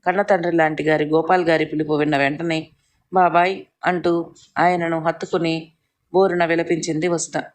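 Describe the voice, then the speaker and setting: A storyteller narrates a family drama in a steady, even reading. The pitch stays flat and narrow, at a middle height, with an unhurried, measured delivery.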